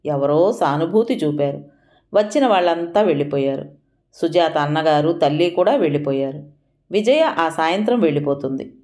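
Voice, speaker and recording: A woman narrating an audio story in an even, measured reading. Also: deep voice.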